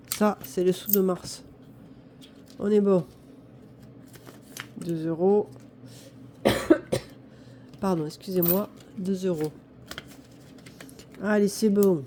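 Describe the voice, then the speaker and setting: Casual fifties woman from northern France, talks to viewers and herself while counting money; soft, dark tone, slight background hiss. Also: fairly low pitch, fairly even intonation, very slow, pauses often. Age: 50s. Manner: chatty, talks to herself and viewers, counts aloud, self-mocking. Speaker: budget vlogger. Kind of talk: casual talk to camera while doing budget envelopes.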